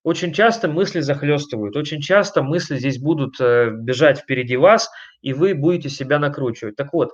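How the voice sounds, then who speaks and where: A man giving an online lecture on family communication, talking emphatically and conversationally, putting questions to his listeners and pausing on fillers between points. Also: a little high, muffled recording. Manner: emphatic, conversational, addresses listeners directly with frequent rhetorical questions.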